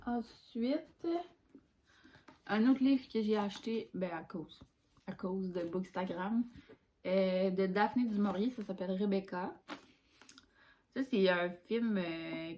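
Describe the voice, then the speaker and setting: A young woman with a Québécois French accent, talking to her viewers as a book vlogger. Her delivery is casual, chatty and informal, with loose, colloquial phrasing, and her voice sits at a middle pitch for a woman. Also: a little slow, a little mellow, slight background noise. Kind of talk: casual chat about books.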